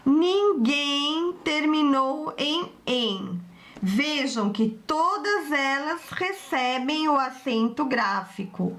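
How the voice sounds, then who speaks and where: A woman teacher, giving an online grammar lesson and slowly spelling out word endings for her pupils. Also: sits high, a bit bright. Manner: slow, didactic, stretches out word endings, addresses pupils as "turminha".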